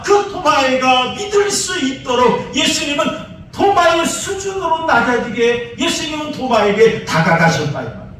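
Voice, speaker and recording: A male pastor delivering a sermon with a high, very lively voice, pressing his points with emphatic rhetorical questions. His voice booms through a strongly echoing sanctuary, caught by a distant mic with a faint hiss underneath. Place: church sanctuary. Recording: echoey church hall from afar.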